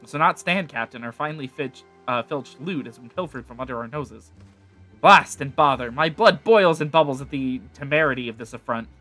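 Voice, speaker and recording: A man's voice: mid-range voice, moderate pace, sharp tone, faint music behind, lightly acted. A man voicing a pompous, theatrical male villain captain with grandiloquent over-the-top bluster.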